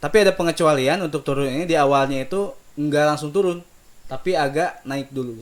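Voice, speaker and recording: A man teaching melodic recitation, calmly explaining each note and singing slow drawn-out demonstrations, gently encouraging students. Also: on the high side. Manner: slow drawn-out sung phrases between unhurried explanations; gentle and encouraging, soft-spoken asides. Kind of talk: relaxed spoken lesson with sung demonstrations.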